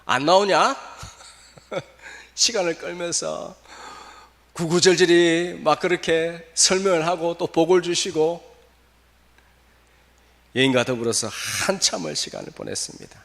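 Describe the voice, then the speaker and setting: A male pastor preaching a sermon in a church, animated, often asking the congregation questions. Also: on the high side, unhurried, creaky, pauses often. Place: church sanctuary. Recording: long reverb of a church hall.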